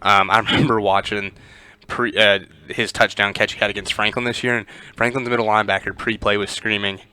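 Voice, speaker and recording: A man giving conversational pregame football commentary, with lots of filler words and animated storytelling. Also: fairly low pitch, brisk, smooth. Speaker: sports commentator.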